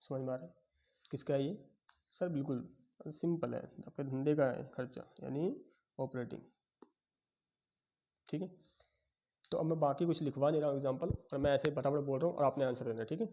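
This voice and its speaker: Male commerce teacher, young adult, mellow warm tone, quizzes the class and answers for them. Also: medium pitch, moderate pace, long pauses. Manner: quizzing students, voicing their replies in Hinglish. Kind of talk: classroom lecture.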